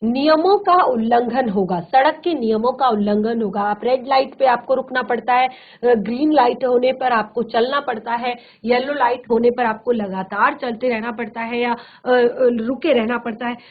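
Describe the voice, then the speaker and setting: A woman teacher giving a classroom lecture, explaining slowly and repeating examples with many hesitations. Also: fairly high pitch, phone-quality sound. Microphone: studio virtual classroom mic.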